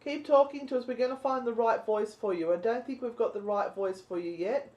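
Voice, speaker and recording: A woman's voice: on the high side, brisk, muffled recording, a little hiss or hum. A woman co-hosting a live paranormal stream, chatting casually and explaining things to viewers. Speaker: co-host of a live spirit box stream.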